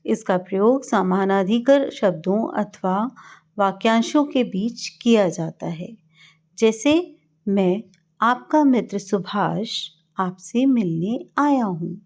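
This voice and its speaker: A middle-aged woman teaching a grammar lesson to children in a slow, explanatory classroom manner. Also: medium pitch, expressive, darkish tone.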